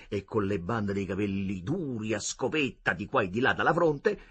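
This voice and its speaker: A man reading a novel aloud as an audiobook narrator, in a steady storytelling delivery. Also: lowish voice, husky. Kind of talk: scripted narration.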